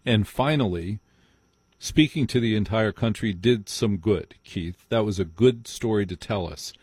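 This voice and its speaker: On his live talk radio call-in show, an American host from New Jersey talks a little slowly in a fairly low, darkish voice with a breathy edge. He's emphatic, repeating phrases for effect, and there's no room sound.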